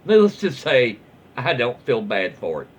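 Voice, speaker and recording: His mid-range, husky voice swings hugely in pitch as he reads online stories at normal speed with a Southern American accent. Folksy and casual, the southern US man stumbles over words and adds offhand commentary, recorded in muffled lo-fi with faint background noise.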